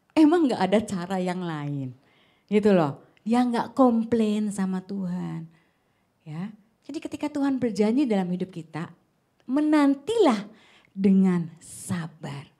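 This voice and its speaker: A woman preaching a conversational church sermon, speaking directly to the congregation and often checking in with a quick "ya". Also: on the low side, mellow. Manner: chatty, keeps checking in with "ya", addresses the congregation directly.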